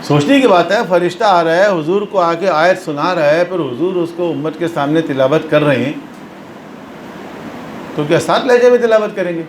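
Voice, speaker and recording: Man, religious lecturer, fairly high voice, explanatory, repeats phrases, echoey room, faint hum. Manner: explanatory, mixes English terms into speech. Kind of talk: religious lesson.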